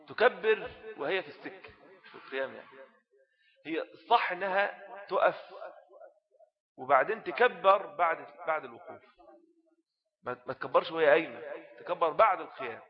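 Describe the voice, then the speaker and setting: Male Egyptian teacher, slightly high voice, explains an old text in a casual way, dull lo-fi recording. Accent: Egyptian Arabic. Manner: explains text in colloquial asides, often asks rhetorical questions. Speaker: religious teacher. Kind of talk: Islamic jurisprudence lesson.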